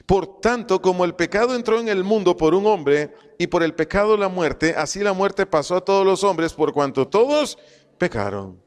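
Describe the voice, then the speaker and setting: A man's voice: high voice, expressive, normal speed, in a large hall. A man teaching a Bible study, asking questions and answering them himself, repeating key phrases and spelling out Greek words.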